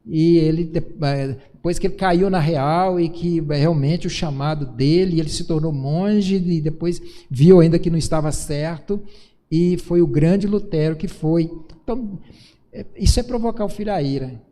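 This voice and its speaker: A man's voice: on the high side, moderate pace, dark tone, big-room sound. A man with a Brazilian Portuguese accent preaching a sermon as pastor, earnest, with many restarts and acted quotes of parents. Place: church sanctuary.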